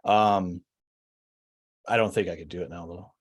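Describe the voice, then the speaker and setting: A man's voice: deep voice, fairly even intonation, a little slow, slightly rough. A man in his forties, a podcast guest, telling his story in a reflective, hesitant way with many fillers. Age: 40s. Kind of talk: casual storytelling.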